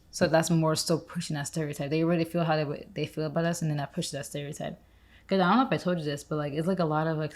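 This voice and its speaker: A young woman co-hosting a podcast chats in a loose, rambling way. Her low voice is soft and mellow rather than bright, and she links her thoughts with lots of "like"s.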